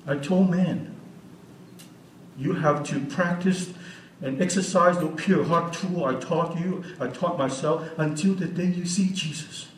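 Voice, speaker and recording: A man's voice: fairly high pitch, unhurried, slight background noise. A man of sixty giving an unscripted church teaching as a guest speaker, earnest and often asking the audience questions. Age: 60s. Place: church hall. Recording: roomy hall audio from a distance.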